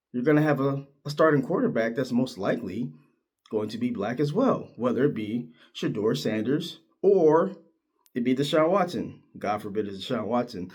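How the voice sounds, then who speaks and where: A middle-aged man from Northeast Ohio offers casual sports commentary full of opinions. He's animated, and his pitch leaps high whenever he gets worked up.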